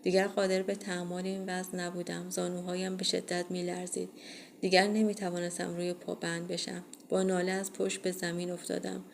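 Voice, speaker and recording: A woman reading a first-person horror audiobook in a steady, measured way. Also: lowish voice, vocal fry, a little hiss or hum. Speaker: audiobook reader.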